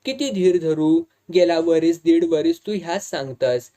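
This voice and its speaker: This audiobook reader plays a quick-tempered young village man, Malvani-accented and insistent, in a dialogue passage. Pitch is medium, the pace a little slow, and the dark tone stays near an everyday voice.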